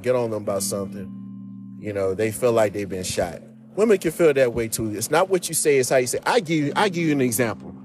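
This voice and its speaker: A man talking earnestly and casually to his viewers, giving marriage and relationship advice and often calling them "man" and "y'all". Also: medium pitch. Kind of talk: casual heartfelt advice talk.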